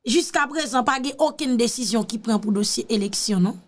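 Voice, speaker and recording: A woman's voice: on the high side, moderate pace. A woman with a Haitian accent giving casual, teasing commentary, mixing Creole with French. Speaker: commentator reacting to a political speech.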